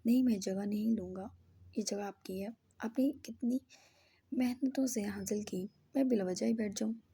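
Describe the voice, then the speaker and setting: A woman's voice: medium pitch, moderate pace, mellow, husky. Woman voicing a hot-tempered young man. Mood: teasing.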